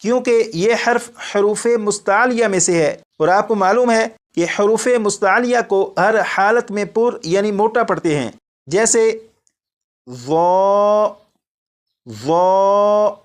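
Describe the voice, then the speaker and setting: A man teaching Quran recitation as a classroom lesson, patiently repeating each point and sounding out letters slowly. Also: high voice.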